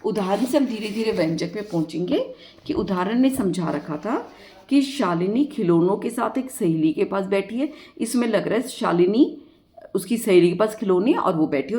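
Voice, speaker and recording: A woman's voice: mid-range voice, expressive, normal speed, dark tone. A woman math teacher, explaining a lesson step by step and asking her students questions.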